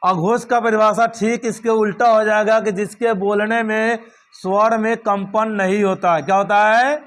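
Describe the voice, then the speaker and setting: A man gives a grammar lesson in a high, steady voice, speaking a little slowly. He repeats each point and asks check questions such as "understood?", then answers them himself.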